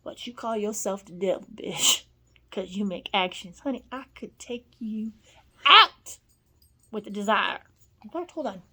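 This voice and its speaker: A woman in a rambling spoken monologue, blunt and profane, swinging between low murmurs and loud scolding. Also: moderate pace, husky. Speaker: vlogger.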